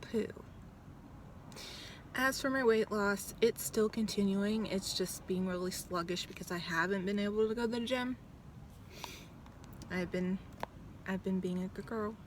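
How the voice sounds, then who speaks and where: A woman in her thirties rambles casually for her vlog outside a doctor's office, blunt and swearing freely with plenty of ums. Her voice sits at medium pitch with a measured pace and frequent pauses, and there's slight background noise.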